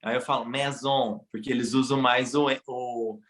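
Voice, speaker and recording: A Brazilian man, a guest, chatting in an animated way and acting out bits of dialogue. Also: mid-range voice, echoey room. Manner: animated, quick shifts of pace, acts out dialogue. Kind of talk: casual conversation.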